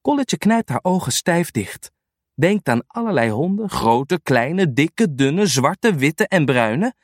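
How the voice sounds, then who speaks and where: Brief: male narrator for a kids' story, very expressive melody, close and dry. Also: on the high side, dry recording. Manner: animated and unhurried. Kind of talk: children's storybook reading.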